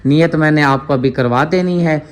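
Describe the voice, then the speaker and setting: Man, somewhat high voice, earnest and fervent, for a casual charity vlog full of blessings. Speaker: charity vlogger handing out food aid. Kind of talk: casual vlog narration with prayers and appeals.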